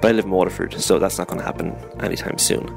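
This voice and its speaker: A deep, heavily gravelly man reads a casual ad with dry, self-mocking asides. The sound comes from a phone dictaphone recording rather than a studio mic, and music plays clearly behind him. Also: fairly even intonation, very fast. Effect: recorded on a phone dictaphone app. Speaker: podcast host reading a sponsor ad. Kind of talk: casual read sponsor spot. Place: home in Waterford, not the studio. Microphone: phone dictaphone app.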